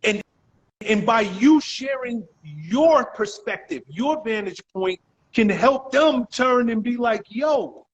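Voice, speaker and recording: A man hosts a live talk show in a fairly high voice. He asks probing, direct questions, often restarting his sentences before pressing his point. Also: expressive, slow, low-quality recording. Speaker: host.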